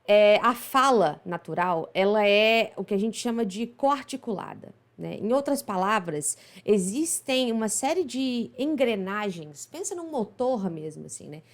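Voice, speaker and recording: With a lively intonation and medium pitch, this woman speaks at a measured pace and rarely pauses. She's a Brazilian from Minas Gerais who teaches English pronunciation online, chatting as she explains and tossing in "right?" again and again.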